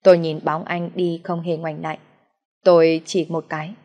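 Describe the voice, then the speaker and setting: A woman narrating a first-person story in a sad, steady reading voice. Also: low voice, moderate pace, big-room sound.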